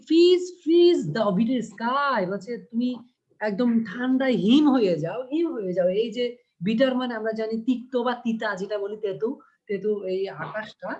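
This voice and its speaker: A man teaching an online class, explaining patiently and reading lines slowly. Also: high-pitched. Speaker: English teacher. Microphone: video call. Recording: dull lo-fi video call audio.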